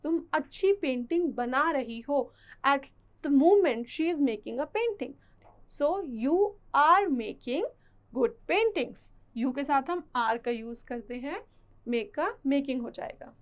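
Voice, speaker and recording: High, slow Indian woman teaching grammar. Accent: Indian English. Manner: switches between Hindi explanation and slow, carefully spelled-out English examples. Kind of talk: classroom grammar lesson.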